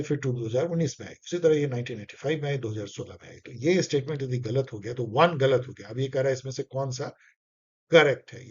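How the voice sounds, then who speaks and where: A man's voice: medium pitch, a little mellow. A man explaining exam questions as a tutor, in a conversational, coaxing way, often repeating key phrases and reading English lines with an Indian accent. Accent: Indian English in Hindi talk. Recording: slightly dull lo-fi recording.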